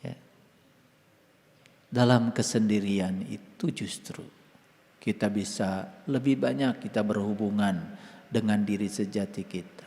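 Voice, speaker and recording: A male Islamic spiritual teacher with a Sundanese accent gives an informal sermon, talking conversationally and swinging between soft murmurs and loud, emphatic stresses. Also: fairly low pitch, unhurried, vocal fry, pauses often. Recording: long hall reverb.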